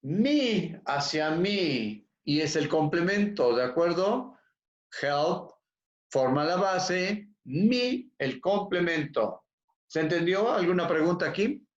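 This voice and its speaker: Over a video call, a man teaches an online English class, repeating words and checking in on his students. His voice is a little high and animated but slow-paced, and the audio is dull with an echoey room.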